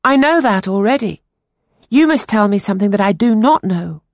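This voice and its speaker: A woman voicing an earnest, solemn ten-year-old boy who speaks in a high, urgent way. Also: expressive, moderate pace, no room sound, clean studio sound, lightly acted.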